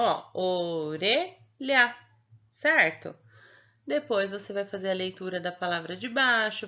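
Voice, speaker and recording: A young woman teacher with a Brazilian Portuguese accent, slowly walking small children through their homework in a patient, sing-song way and often checking in with them. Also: mid-range voice, bright, forceful tone. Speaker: primary school teacher. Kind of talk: remote lesson explaining homework to young children. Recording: dull lo-fi home recording.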